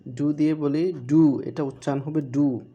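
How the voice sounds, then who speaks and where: Slow, mellow-voiced man teaching. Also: mid-range voice, highs cut off. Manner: slow, drills pronunciation by repeating verb forms. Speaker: English teacher. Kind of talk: online grammar lesson.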